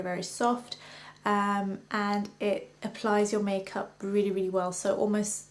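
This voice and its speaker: A young London makeup artist and beauty vlogger answers viewer questions in a casual Q&A vlog, speaking with a London accent. Her medium-pitched voice is a little mellow, and her chat is loose and full of ums.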